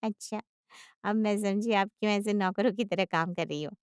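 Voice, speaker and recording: A woman voicing a sharp, quick-witted adult daughter who questions briskly. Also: medium pitch, steady tone, clean tone, no echo, clean studio sound, close to an everyday voice. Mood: probing.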